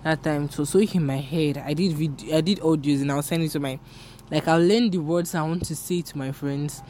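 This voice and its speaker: On her own podcast, a young Yoruba-speaking Nigerian woman rambles candidly and pokes fun at herself in Nigerian-accented English. The voice is low and mellow at a moderate pace, and faint background noise can be heard.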